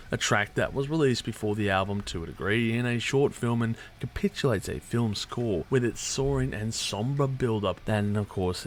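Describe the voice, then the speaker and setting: A man's voice: on the low side, a little hiss or hum. A man delivering a scripted album review in a sarcastic, irreverent way with casual swearing. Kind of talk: scripted music review monologue.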